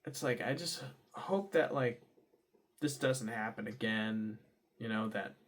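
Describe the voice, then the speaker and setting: A young man talking casually in a diary vlog, rambling with many fillers and restarts, sometimes bursting into loud high exclamations. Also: unhurried. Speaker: vlogger.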